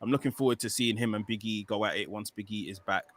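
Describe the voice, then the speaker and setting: A man with a British accent in casual podcast chat, animated and quick to restart his sentences. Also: fairly low pitch. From Nigerian heritage, raised in Britain. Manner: animated, fast restarts and repeats. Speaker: podcast co-host.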